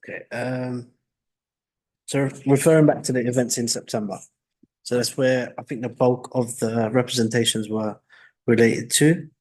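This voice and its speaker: A soft-spoken, hesitant man making his case as an applicant before a council licensing committee. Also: mid-range voice, fairly even intonation, moderate pace. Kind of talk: formal hearing testimony. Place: council meeting room. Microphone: meeting room microphone.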